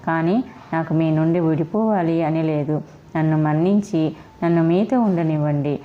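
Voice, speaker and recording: A woman's voice: low voice, moderate pace, a little hiss or hum, close to an everyday voice. A woman voicing a young wife who earnestly apologizes and begs her husband not to leave her, read in a storybook style. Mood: remorseful. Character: young wife, remorseful and pleading. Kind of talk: storybook reading. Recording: dull lo-fi recording.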